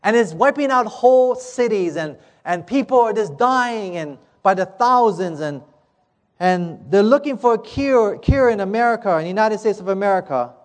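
A man preaching a sermon, telling a parable in a dramatic, emphatic way and slowing down on key words. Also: sits high, animated. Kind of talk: sermon storytelling. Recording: echoey hall.

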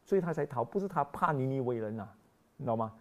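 A woman preaching a sermon who swings between loud exclaiming and quiet asides, and reads scripture slowly and deliberately. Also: rumbling low, lively intonation.

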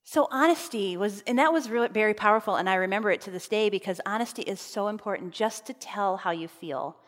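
A woman's voice: medium pitch, a little fast. A woman giving a conversational sermon at a camp meeting, earnest and personal, telling stories with fillers. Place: meeting hall. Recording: long reverb of a large hall.

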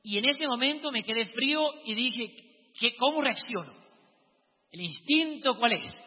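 High-voiced man telling a lively testimony. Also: measured pace, slightly rough, in a large hall, muffled recording. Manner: lively, dramatic storytelling with shouted quotes. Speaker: speaker sharing a testimony. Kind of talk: storytelling testimony.

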